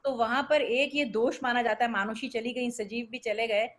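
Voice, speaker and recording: A woman takes part in a casual group discussion, speaking earnestly and stopping often to find her words. Her voice sits a little high. She sounds engaged and sincere. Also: steady tone, normal speed, fairly bright tone. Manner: earnest, hesitant with fillers. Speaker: workshop participant.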